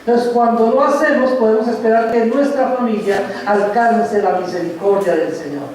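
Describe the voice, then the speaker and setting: A man preaching a sermon as a pastor, slow and reflective, pausing between phrases. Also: very high-pitched, a little mellow. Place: church sanctuary. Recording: echoey church hall from far off.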